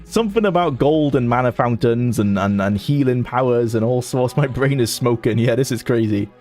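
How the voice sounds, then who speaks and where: A man's voice: mid-range voice, normal speed, darkish tone. Man, streamer, casual gameplay commentary, thinking aloud, amused, faint music underneath.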